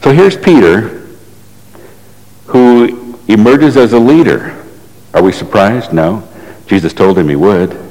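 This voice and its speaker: A man's voice: on the low side, lively intonation, slow, long pauses, a little mellow. A man preaching a sermon, telling a story in a conversational way and asking the congregation rhetorical questions. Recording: echoey hall reverb.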